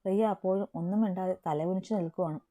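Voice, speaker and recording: A woman narrating a romance story in a steady, matter-of-fact reading. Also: fairly low pitch, quick pace, highs cut off.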